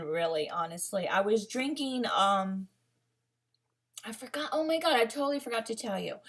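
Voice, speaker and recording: Woman, thirties, gravelly voice, casual vlog, rambling and candid, lots of fillers. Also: fairly high pitch, fairly bright tone. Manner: rambling and candid, with frequent fillers and self-corrections. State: emotional, near tears. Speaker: vlogger. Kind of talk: personal health story, casual vlog.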